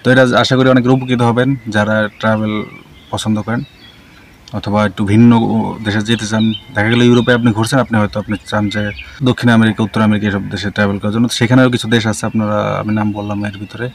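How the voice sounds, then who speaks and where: Fast-talking man reeling off lists. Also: lowish voice, level tone, slight background noise. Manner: rambling, reels off long lists of country names; hesitant and self-correcting, with many fillers. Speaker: travel and visa info vlogger. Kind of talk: casual informational talk.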